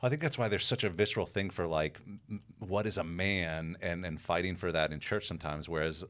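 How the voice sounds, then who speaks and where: A man co-hosting a podcast, chatty and animated, quick to tease and joke. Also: low-pitched. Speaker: podcast co-host. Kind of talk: podcast conversation.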